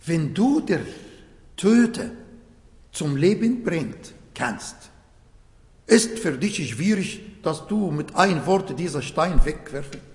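A man preaching a sermon in a slow, halting way, often restarting phrases and searching for words, with earnest emphasis. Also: fairly high pitch, big pitch swings, a little mellow. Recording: echoey hall with long reverb.

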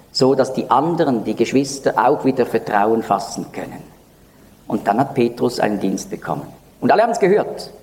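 A man giving Bible teaching, expressive, rising for emphasis and dropping low and soft when he quotes dialogue. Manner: expressive, lively pitch for emphasis. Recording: long reverb of a large hall.

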